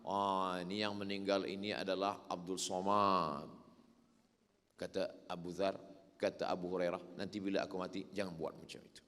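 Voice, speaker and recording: A man's voice: deep voice, normal speed. Man preaching in a reverberant hall. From Indonesia. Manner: animated storytelling, voicing the people in his stories. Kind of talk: sermon.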